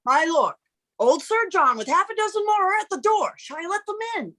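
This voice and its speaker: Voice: very high-pitched, sing-song, a little fast, pushed and bright, exaggerated voice. A performer reading a flustered, eager young male tavern servant in a Shakespeare play. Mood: harried.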